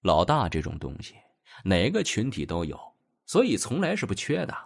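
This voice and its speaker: A man narrating an audio drama with dramatic, expressive storytelling, with faint music behind him. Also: low-pitched, moderate pace, vocal fry, husky.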